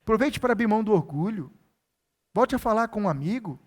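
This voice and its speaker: A man's voice: high voice, lively intonation, fast. A male pastor preaching a sermon, earnest and exhorting, repeating his key phrases for emphasis.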